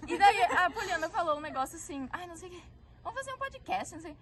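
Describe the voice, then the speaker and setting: A woman's voice: very high-pitched, very animated, fast talker. A teenage girl, co-hosting a casual podcast chat and telling the story with fillers and laughter. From southern Brazil. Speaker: podcast co-host. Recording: background noise.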